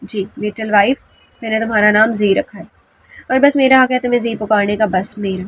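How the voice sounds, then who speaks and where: A woman voicing a possessive, softly menacing husband. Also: medium pitch, fairly even intonation, fairly quick, dry recording, close to an everyday voice. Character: possessive, controlling young husband.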